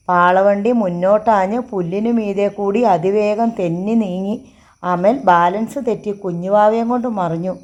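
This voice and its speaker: A woman narrating a story for an audiobook in a steady, measured reading. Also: mid-range voice.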